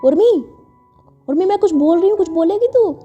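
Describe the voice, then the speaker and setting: A woman's voice: sits high, fast, mellow, lightly acted. A woman doing a bossy, exasperated best friend. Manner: pleading, then scolding. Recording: dull lo-fi with faint music.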